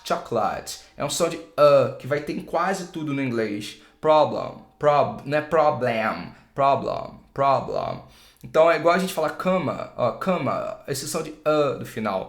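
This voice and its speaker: A young Brazilian man gives an informal English lesson, sounding relaxed and easygoing. He repeats example words slowly to demonstrate them. His voice sits a little high, and the room adds a noticeable echo. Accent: Brazilian Portuguese. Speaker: English teacher. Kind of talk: casual spoken English lesson. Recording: roomy echo.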